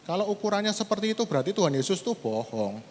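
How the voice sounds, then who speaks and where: A man preaching a sermon in a conversational style, mixing casual slang with scripture readings and animated emphasis. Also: sits high, fast talker, a little hiss or hum. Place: church sanctuary. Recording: church hall reverb.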